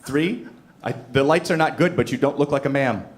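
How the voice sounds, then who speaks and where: A man's voice: medium pitch, brisk, background noise. A man doing a stand-up comedy set on a club stage, brash and teasing the crowd. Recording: live club, crowd laughter. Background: audience laughing.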